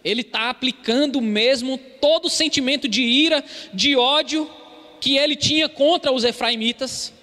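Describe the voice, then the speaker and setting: A man's voice: very high-pitched, moderate pace, pushed and bright. A man with a Brazilian Portuguese accent preaching an earnest expository sermon in a church hall, calling his listeners brothers. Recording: long hall reverb.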